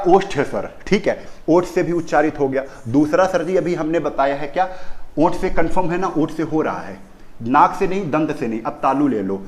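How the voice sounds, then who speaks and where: A male teacher takes a class through where each sound is made. His voice sits a little high for a man, and he says each term twice before he asks the class for it again. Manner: repeats key terms, asks the class questions. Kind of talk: classroom lesson on pronunciation.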